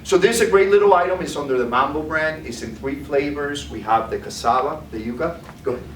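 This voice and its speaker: Fast, fairly high and fairly bright, a man's voice delivers a live product demo as a sales presenter in a food trade demo room, frequently tagging lines with "okay?". The recording is noisy and echoey, with the mic far off.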